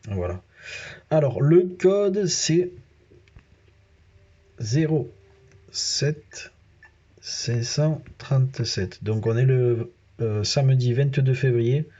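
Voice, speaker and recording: Southern french guy doing chill gaming commentary, mid pitch, lots of fillers, kinda dull lo-fi audio. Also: animated, very slow, pauses often, mellow. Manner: chatty, talks straight to viewers with many fillers. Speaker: gaming YouTuber. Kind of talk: casual let's-play commentary.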